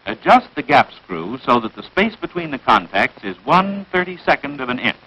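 With an American accent, a man narrates a 1940s military training film at a normal pace, crisp and declarative. His pitch swings animatedly and his voice has a forceful, slightly husky edge, heard through poor, vintage film-soundtrack audio.

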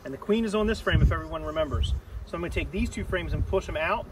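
A man's voice: on the high side, quick pace, background noise. Beekeeper man explaining outdoors, slightly distant. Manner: plain step-by-step explaining while working. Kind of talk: hands-on teaching demonstration. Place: outdoor apiary on a grassy yard. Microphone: camera mic a few steps away. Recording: distant outdoor camera audio.

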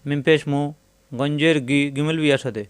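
A man with a Bangladeshi Bengali accent teaching Quran reading, spelling out each syllable patiently and chanting the words slowly. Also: on the high side, steady tone, clear, resonant tone, dry recording. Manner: slow drawn-out chanting of Arabic words between plain explanations. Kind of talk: step-by-step spelling and pronunciation lesson.

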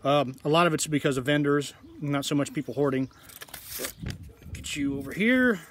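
A man talking casually to his viewers in a tasting vlog, rambling in a relaxed way. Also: a little high, moderate pace, a little hiss or hum. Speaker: food reviewer.

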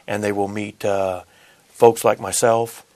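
A middle-aged man, a union apprenticeship coordinator, answers questions in a studio interview through a lapel mic. He is earnest and deferential, saying "yes, sir." His voice is lowish and mellow, with a level tone and a measured pace.

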